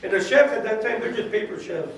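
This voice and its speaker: A man's voice: sits high, quick pace. A man in his forties from California, a chef speaking as a guest to a class of students in a casual, chatty, direct way, often saying "you know" and acting out what people said. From California, USA. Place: high school classroom. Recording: very echoey classroom, mic far off, faint hiss.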